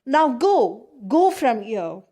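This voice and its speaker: A woman voicing an old father broken by grief, shouting bitter accusations at a vain prince in a classroom reading of an epic tale. The voice sits a little high and rings with anguish. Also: sing-song, takes it slowly, exaggerated voice. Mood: furious grief.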